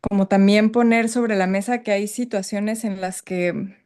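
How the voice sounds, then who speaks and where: A woman's voice: medium pitch, steady tone, measured pace, a little mellow. A woman speaks on a group video call, her voice sitting in an ordinary middle range. She is stirred up and keeps reaching for the right words, frank and reflective as she shares with the group. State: emotionally stirred. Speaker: workshop participant. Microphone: video call microphone.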